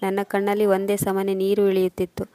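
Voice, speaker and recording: Woman storyteller, flat measured reading, mellow dry close-mic sound. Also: mid-range voice, no room sound. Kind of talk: first-person story narration.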